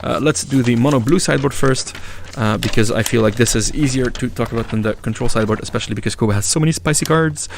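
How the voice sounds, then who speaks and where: Man, gravelly voice, live card game commentary, analytical and jokey, faint background hum. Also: medium pitch, quick pace, hardly any pauses. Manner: analytical, chatty and joking. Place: event venue.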